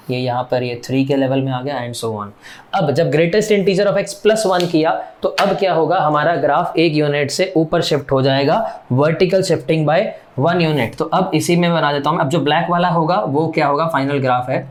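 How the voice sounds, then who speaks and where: Man teaching math on a whiteboard. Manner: explains step by step, asks the class rhetorical questions; counts off axis numbers in a low voice while drawing. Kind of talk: recorded whiteboard lecture.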